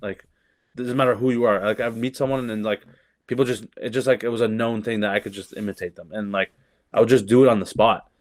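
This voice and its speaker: A man's voice: fairly low pitch, steady tone, fast, no room sound, clean studio sound. A young man, a comedian from Canada, chatting casually on a podcast, swearing freely and restarting his sentences often. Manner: loose, profane, lots of fillers and restarts. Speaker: comedian guest.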